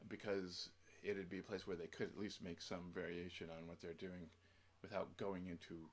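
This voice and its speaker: A man giving a casual software tutorial, thinking aloud and rambling with many pauses and restarts. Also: deep voice, level tone, a little hiss or hum. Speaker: music software tutorial presenter. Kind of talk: casual screen-share tutorial.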